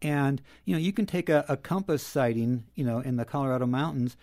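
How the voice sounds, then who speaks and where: A man's voice: medium pitch, brisk, darkish tone, no echo, clean studio sound. A man who is a guest counselor on a roundtable, telling stories with a lightly sarcastic edge. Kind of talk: casual roundtable talk.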